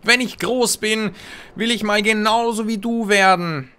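A man's voice: high voice, steady tone, a little slow, pushed and bright, clear, resonant tone, voice pushed up. A man doing a starstruck boyish apprentice. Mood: admiring. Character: eager young male apprentice, starstruck.

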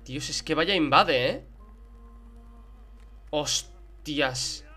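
A young man with a Spanish accent from Spain narrates his Let's Play in a bright, forceful voice, pitched a little high for a man. He is excitable and swears when the game surprises him. Faint game music plays behind him. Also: very slow. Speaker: gaming YouTuber.

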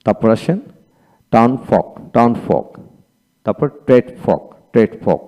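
A man's voice: on the low side, lively intonation, measured pace, mellow. A male teacher with a Bangladeshi accent giving a recorded lecture, repeating each word twice and spelling it letter by letter. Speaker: English teacher.

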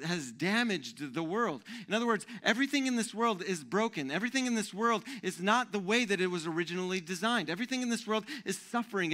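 Bright-voiced pastor preaching emphatically. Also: male voice. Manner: emphatic, rising in pitch and loudness when stressing points. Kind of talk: sermon. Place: church stage with band gear, indoors.

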